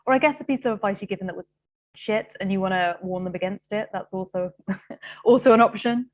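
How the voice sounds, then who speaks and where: A woman's voice: mid-range voice, fairly quick, a little mellow. Bubbly young woman host. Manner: bubbly, rambling, filler-heavy. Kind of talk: live-stream book chat.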